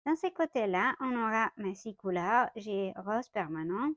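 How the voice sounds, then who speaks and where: Working in her home studio, a young Mexican watercolor artist talks through a relaxed tutorial in French, a second language she speaks with a Mexican Spanish accent. She's chatty, frequently self-correcting and laughing lightly, with lively intonation and a measured pace in a mid-range voice, recorded without echo.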